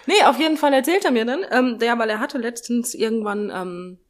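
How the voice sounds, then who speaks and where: Woman, casual chat, laughs a lot, mimics the other person's replies, quick colloquial retelling. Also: on the high side. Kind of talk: casual chat, telling an anecdote.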